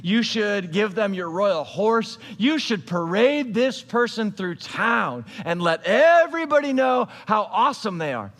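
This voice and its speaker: A smug, scheming royal adviser brags about himself, as a preacher puts him on in a sermon. The voice is high and sits close to the preacher's own everyday tone. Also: male voice, lively intonation, unhurried, few pauses, a bit bright, in a large hall, full character voice. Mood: boastful. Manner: smug and self-satisfied.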